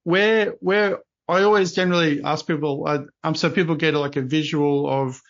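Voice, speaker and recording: An Australian man hosts a podcast interview, chatting casually and rambling with lots of restarts and fillers. His voice sits on the high side with a steady tone, moderate pace and vocal fry, and the sound is lo-fi.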